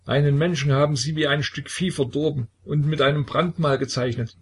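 A man's voice: fairly low pitch, measured pace, a little mellow, lightly acted. A man voicing a young deserter recruit who stammers and pleads tearfully. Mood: sobbing, pleading.

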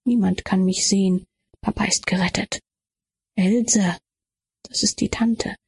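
A woman's voice: medium pitch, steady tone, measured pace, gravelly, darkish tone, breathy edge. A woman reading an audiobook as an intense first-person inner monologue, with whispered asides. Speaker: audiobook reader.

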